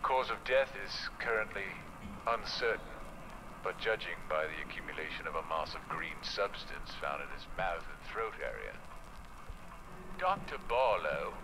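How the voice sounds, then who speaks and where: A researcher on an old phonograph. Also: male voice, sits low, big pitch swings, creaky, exaggerated voice. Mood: grave. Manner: formal, measured report. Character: male researcher reporting a colleague's death. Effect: old phonograph cylinder playback. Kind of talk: scripted game voice acting. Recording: crackly old gramophone recording.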